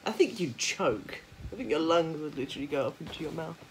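A woman's voice: sits low, lively intonation, brisk. Teasing giggly young woman. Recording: faint background noise.

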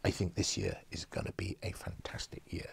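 A man voicing a male European company director with a put-on French accent, speaking in a hushed, breathy way. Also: sits low, sing-song, fairly quick, in a whisper, heavily acted. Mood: rousing. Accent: mock French.

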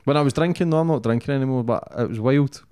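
A man's voice: mid-range voice, fast talker, dark tone, clean tone. A man in his thirties with a Glaswegian Scottish accent, interviewing casually in informal, sweary language as a podcast host. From Scotland. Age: 30s. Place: small office used as podcast room. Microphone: desk microphone on boom arm.

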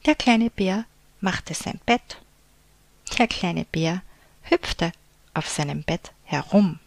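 A woman reading a picture book aloud to children in a soft, unvoiced whisper, as a whispered storybook reading. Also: on the low side, expressive, takes it slowly, gravelly, dry recording.

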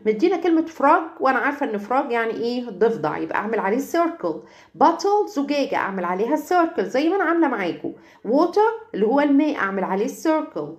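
Lively Egyptian woman teaching young kids. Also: on the high side. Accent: Egyptian Arabic. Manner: drills words slowly and repeats them, checks in often with "okay?". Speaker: kindergarten English teacher. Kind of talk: recorded online lesson.

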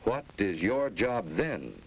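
A man's voice: fairly low pitch, big pitch swings, slow, breathy edge. An American man giving grave, authoritative narration for a 1950s civil defense instructional film. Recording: noisy old 1950s film soundtrack.

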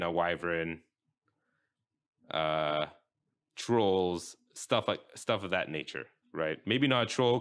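Deep, slow-talking man hosting a podcast. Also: a bit bright, smooth. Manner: rambling, halting with many fillers. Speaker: podcast host. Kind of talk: casual podcast chat.

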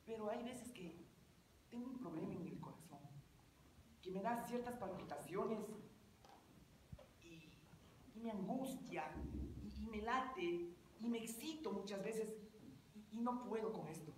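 A woman playing a nervous, hypochondriac 35-year-old bachelor in a stage comedy, fretful and halting, repeating words. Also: medium pitch, lively intonation, close to an everyday voice. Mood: anxious. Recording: echoey room with loud noise.

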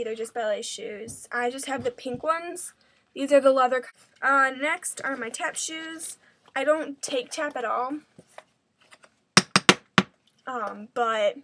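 A woman's voice: high-pitched, fairly bright tone, a little hiss or hum. A teenage girl chatting casually in a home video, rambling with lots of fillers, a little out of breath. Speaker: vlogger. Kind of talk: casual vlog showing her dance bag.

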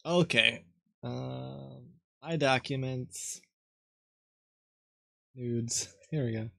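A young man livestreaming casually from home, talking in a low-key way, half to himself. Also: drawn-out words, gravelly, fairly bright tone, dry recording, studio quality. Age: young adult. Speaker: live streamer. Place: small room at home.

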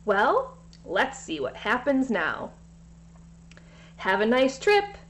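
A woman's voice: on the high side, huge pitch swings, takes it slowly, a little hiss or hum, heavily acted. Lady doing a mean sneering bug guy from a storybook, grumpy bully. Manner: sneering, mocking. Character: grumpy bullying male cockroach.

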